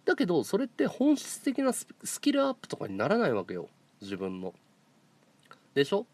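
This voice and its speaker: A man's voice: sits high, huge pitch swings, a little fast, a little mellow. A man streaming a casual monologue, telling stories in a blunt and outspoken way. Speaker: live streamer.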